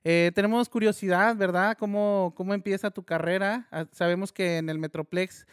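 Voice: medium pitch, fairly even intonation, moderate pace, clear, resonant tone, no room sound, studio quality. A podcast co-host asking the guest questions in a teasing, casual chat.

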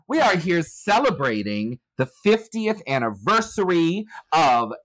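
A man's voice: sing-song, measured pace, fairly bright tone, no room sound, rough recording. A man hosting a comedy podcast, a drag performer who is theatrical and bawdy, full of jokes. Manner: theatrical, bawdy jokes, big swoops in pitch. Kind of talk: campy comedic chat.

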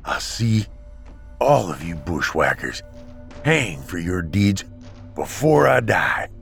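Dude doing a gruff slow union captain, deep voice, faint music. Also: male voice, very animated, fairly bright tone, full character voice. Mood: defiant. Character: male Union army captain, stern and stubborn.

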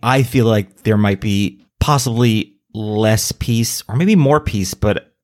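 A man's voice: lowish voice, slow pace, a little mellow. Hesitant man thinking aloud. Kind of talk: casual conversation.

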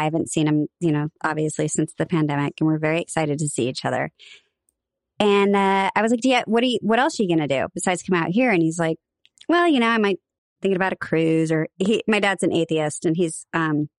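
Chatty woman co-host, low and dry. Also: no echo. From Nebraska. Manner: chatty, laughs often, rambling storyteller. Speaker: podcast co-host. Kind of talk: casual chat.

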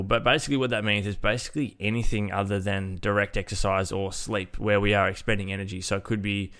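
Low, nasal man, even pitch. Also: clean tone. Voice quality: nasal, congested-sounding. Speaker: podcast host, fitness coach. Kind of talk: casual solo podcast talk.

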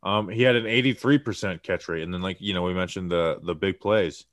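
A man co-hosting a casual sports podcast, talking fast and excitedly with lots of fillers and restarts. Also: low voice, no room sound, clean studio sound. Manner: excited, rambling with many fillers. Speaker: podcast co-host. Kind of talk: casual sports analysis chat.

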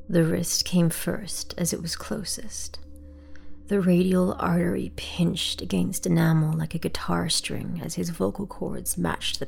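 A woman narrating a first-person horror story in a hushed, breathy whisper. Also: on the low side.

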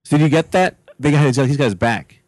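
A man's voice: medium pitch, fairly quick, no echo, studio quality. A man reading narration and chatting casually in slangy, informal language as part of a comedy table read. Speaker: script writer and reader at a comedy table read.

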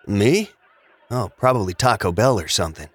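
This is a mellow stoner pal in an audio drama, as an actor plays him, drawling and unbothered. His voice sits low but swings widely in pitch. It sounds dry and close. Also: expressive, moderate pace, no echo. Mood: laid-back. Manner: drawling, unbothered slacker talk. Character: laid-back stoner male roommate, easygoing and munchie-minded.

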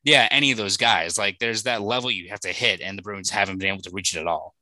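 A man with a Boston accent hosting a casual sports podcast, talking quickly and often using "like" and "right?". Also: on the low side, fairly even intonation, bright, forceful tone, no room sound, poor audio. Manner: fast, filler-heavy, uses "like" and "right?" often. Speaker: podcast host.

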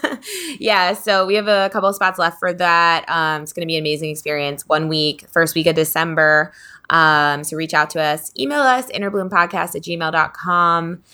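A woman's voice: on the low side, normal speed, bright, forceful tone. A woman co-hosting a podcast in casual chat, laid-back and giggly, with many fillers. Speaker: podcast co-host.

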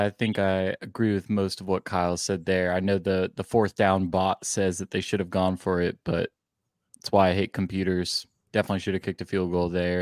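Really low monotone guy chatting football casually as a cohost. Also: no echo, clean studio sound. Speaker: sports show co-host.

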